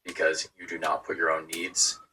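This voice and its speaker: A man giving dating advice in a played clip, in a steady lecturing way. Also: very deep voice, normal speed, recorded from a distance, slight background noise, low-quality recording.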